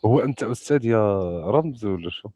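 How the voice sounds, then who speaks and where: A man's voice: medium pitch, lively intonation, fast talker, warm tone, husky, no room sound, clean studio sound. A man hosting a casual voice-chat room, joking and teasing the guests.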